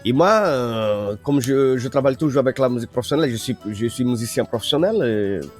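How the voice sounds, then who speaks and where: A man's voice: medium pitch, brisk, a little mellow, faint music behind. A man from northern Brazil, a native Portuguese speaker, talking as a guest musician in a radio interview, hesitant with many fillers and restarts.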